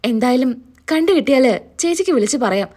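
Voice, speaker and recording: A woman retelling a story, voicing a calm man reassuring his sister-in-law. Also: high-pitched, fast. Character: calm dependable brother-in-law.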